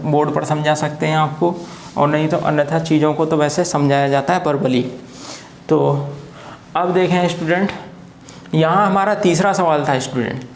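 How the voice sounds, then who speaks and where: A man's voice: on the high side, a little hiss or hum. A man teaching a lesson at a board, who keeps asking questions and answering them himself and repeats each point patiently. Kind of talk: classroom lecture at a board. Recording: echoey room.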